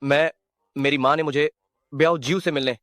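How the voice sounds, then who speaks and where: A man's voice: a little high, fairly even intonation, moderate pace, no echo, studio quality, close to an everyday voice. A man dubbing a timid young intern, the nephew of a rich man, who talks in a flustered, pleading way. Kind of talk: dubbed drama acting. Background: soft background music.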